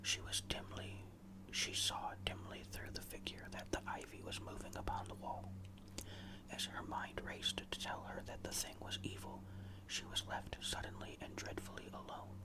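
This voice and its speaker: A storyteller reading a ghost story in a hushed, suspenseful whisper, deliberate and fully unvoiced, in an ASMR style. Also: rough recording.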